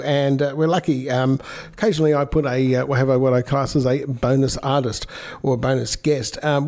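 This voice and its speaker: A man hosting a casual radio interview, with hesitant, halting phrasing. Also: medium pitch, a little mellow. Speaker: radio host.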